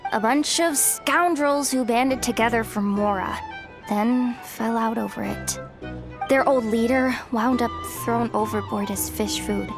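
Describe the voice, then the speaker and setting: In a fantasy game, an actress voices a young female guide who is blunt and world-weary. Her fairly high-pitched delivery is curt, streetwise and deadpan.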